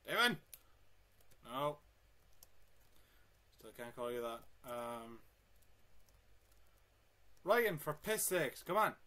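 Young gamer, lively pitch swings, slow sweary self-talk. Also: male voice. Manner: animated, swearing, talking to himself with sudden yelps. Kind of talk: let's play commentary.

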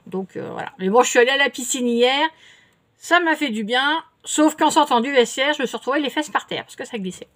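A woman's voice: sits high, expressive, brisk, fairly bright tone. Chatty woman rambling with fillers. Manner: rambling, many fillers and restarts. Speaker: vlogger answering viewer comments. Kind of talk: casual chat. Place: home, indoors.

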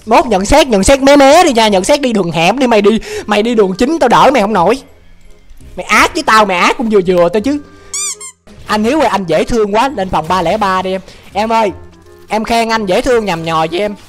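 A man's voice: high voice, brisk. Young man, livestream host, joking, exasperated, faint music behind. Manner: exasperated, joking, wails at comments. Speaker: livestream host reading viewer comments. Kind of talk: casual livestream chat.

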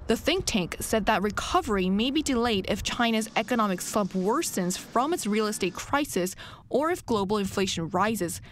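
A woman news reporter delivering a scripted report in a steady, deliberate way. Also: mid-range voice. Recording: faint background noise.

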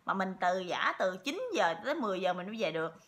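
A woman's voice: mid-range voice, big pitch swings, fast, a bit bright. A woman telling a story to her viewers in a chatty way, repeating words often. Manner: chatty, with many repeats and fillers. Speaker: vlogger.

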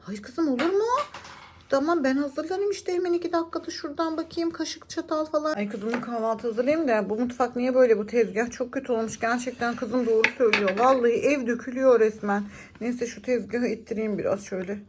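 A woman's voice: a little high, fairly quick, darkish tone, a little hiss or hum, lightly acted. A woman voicing a chatty, suspicious mother in a children's doll-play story, mildly scolding. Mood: puzzled, grumbling.

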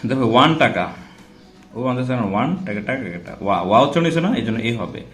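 A man's voice: mid-range voice, expressive, very fast, a bit bright, faint music behind. Echoey male teacher asking rhetorical questions. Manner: checks in often with rhetorical questions; spells and repeats example words aloud. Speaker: English grammar teacher. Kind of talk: informal classroom-style grammar lesson.

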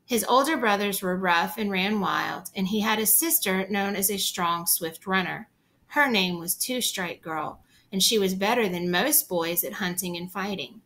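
Bright-voiced woman reading a story aloud. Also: mid-range voice, normal speed. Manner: stops to explain the story in plain chat. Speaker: reader. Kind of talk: reading a book aloud with commentary.

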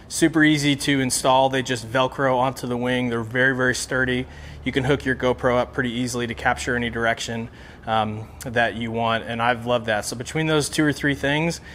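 A man's voice: medium pitch, fairly bright tone, slight background noise. A man, hosting a casual instructional aviation vlog to camera. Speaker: host of an aviation channel. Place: open metal aircraft hangar.

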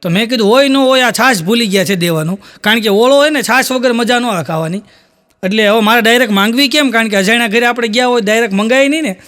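A man's voice: extremely high pitch, quick pace, fairly bright tone. A man with a Kathiyawadi Gujarati accent telling jokes on stage, piling on "he said" tags as he tells stories. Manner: storytelling full of "he said" tags. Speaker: stand-up comedian. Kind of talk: live stand-up joke telling.

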